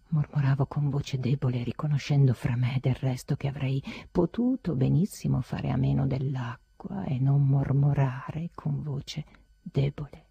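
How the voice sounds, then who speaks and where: A woman's voice: sits low, gravelly, dark tone, husky, dry recording, highs cut off. A woman giving a dramatic literary audiobook reading, intense and often dropping into a whisper. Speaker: audiobook reader.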